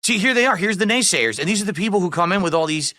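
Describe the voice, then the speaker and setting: A man's voice: high-pitched, lively intonation, quick pace, sharp tone. A man livestreaming an agitated, defiant rant to his viewers, swearing and hammering his points home with emphatic repetition. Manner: emphatic, repeats phrases for stress. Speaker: live streamer.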